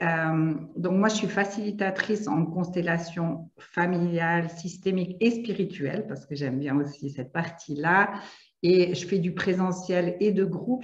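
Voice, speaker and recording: A woman's voice: on the low side, a little mellow. A woman facilitator chatting casually on a video call, with frequent filler sounds. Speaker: family constellation facilitator. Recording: echoey, dull lo-fi video call audio.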